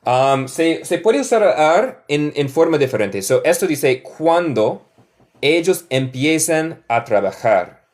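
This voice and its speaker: His voice is fairly high, with big pitch swings and a slow pace: a native English speaker from Michigan, Northern US accent, leading a live online lesson in both Spanish and English. He goes over example sentences carefully and thanks viewers individually by name.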